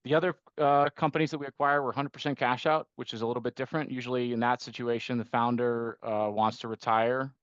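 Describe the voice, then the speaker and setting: A man's voice: medium pitch, little pitch movement, fast talker, hardly any pauses, clear, resonant tone, no echo, muffled recording. A middle-aged man who grew up in Costa Rica, talking through his investment work as a podcast guest, with many restarts and rhetorical "right?" tags. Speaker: guest, investment firm managing partner. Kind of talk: conversational podcast interview.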